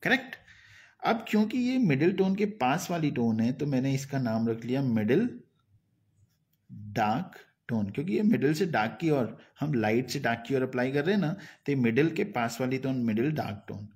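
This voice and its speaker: A man's voice: medium pitch, animated, moderate pace, a little mellow. A man teaching a live online drawing lesson, who explains patiently, repeats his phrases and keeps asking viewers "right?", with faint music in the background.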